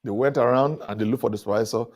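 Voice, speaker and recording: Racing through a sermon-style leadership talk at a conference hall, a man with a slightly mellow voice speaks animatedly. Chuckles fall between his points, and his pitch shoots high as he presses each one.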